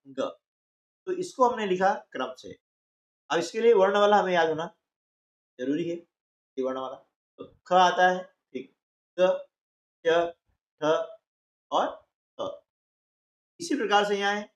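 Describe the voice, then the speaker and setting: Speaking at medium pitch, a teacher slowly works through a workbook lesson one step at a time, asking and answering her own questions. She often checks in with short tags such as "है ना" and "ठीक है", captured in a reverberant, muffled recording.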